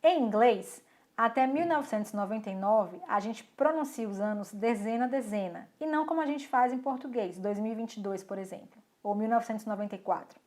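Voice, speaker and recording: A woman from Brazil teaching English online, explaining grammar step by step and reading English sentences slowly and carefully. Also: on the high side, a little mellow.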